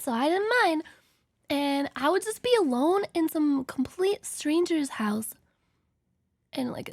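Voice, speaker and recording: A woman's voice: high-pitched, creaky, darkish tone, dry recording. A woman reacting to videos in casual chat, slangy and swearing freely.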